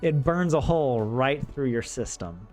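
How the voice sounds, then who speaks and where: A young American man, a streamer who teaches Finnish, chats casually on a live stream about life abroad, joking and laughing often amid fillers and restarts. His medium-pitched voice is expressive and a little mellow, at a normal speed. Faint video game music plays in the background.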